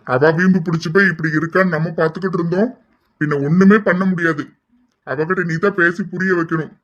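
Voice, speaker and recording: A man's voice: high-pitched, steady tone, fast, fairly bright tone. A man voicing a firm middle-aged father who gives instructions about his daughter's wedding. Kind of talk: amateur family drama. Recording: dull lo-fi recording.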